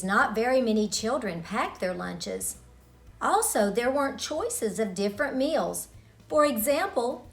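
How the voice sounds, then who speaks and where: A middle-aged woman with a mid-range voice tells children a story from her childhood. She speaks deliberately and expressively, leaning on dramatic pauses.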